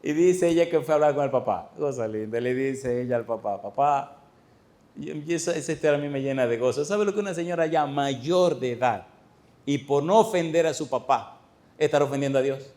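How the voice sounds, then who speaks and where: A middle-aged pastor preaching to his congregation, his voice at an ordinary male pitch. He tells stories with real animation, bursting into loud exclamations and then dropping to soft, tender asides. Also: brisk. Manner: lively storyteller, swings between loud exclamations and hushed tender asides. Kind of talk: storytelling sermon. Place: church before a congregation.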